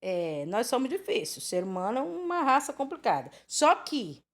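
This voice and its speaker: Animated chatty woman preacher. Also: on the high side, normal speed. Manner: animated, chatty, rambling with diminutives and rhetorical questions. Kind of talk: informal Bible teaching.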